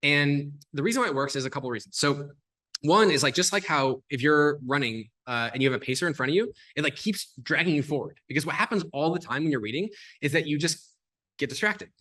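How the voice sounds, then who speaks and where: A man talking as a podcast guest, explaining things in a fast, animated way, full of "like" and "um" fillers. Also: on the high side. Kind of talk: casual explanatory conversation.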